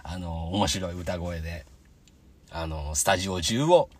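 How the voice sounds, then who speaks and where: A man's voice: deep voice, measured pace, a little mellow. A young man with a Kansai accent hosting a casual solo podcast, chatting about his day and acting out the voices in his anecdotes. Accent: Kansai Japanese. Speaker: podcast host.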